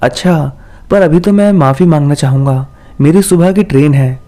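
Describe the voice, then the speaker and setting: A man playing a friendly young office worker in a spoken horror story. He sounds light and teasing, with a mellow, fairly high voice. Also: normal speed, lightly acted. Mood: amused. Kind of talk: storybook character voice.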